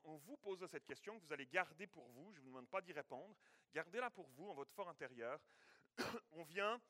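A man preaching as a pastor, telling a lively anecdote full of spoken sound effects and frequent restarts. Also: sits high, no echo, studio quality. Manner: frequent restarts and repeated words. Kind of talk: sermon with a personal anecdote.

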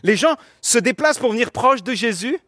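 Male preacher, high voice, dry close sound, earnest teaching sermon. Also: expressive, fairly quick, sharp tone, dry recording. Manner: earnest, explanatory, with frequent restarts.

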